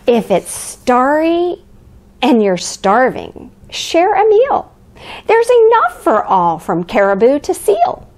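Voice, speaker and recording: A woman's voice: high voice, huge pitch swings, takes it slowly, a little mellow, exaggerated voice. A woman playing a cheerful, grandmotherly Mrs. Claus, reading a picture book aloud to young children in an exaggerated, sing-song way. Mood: playful, lively. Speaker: children's storyteller. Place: living room by a fireplace, indoors.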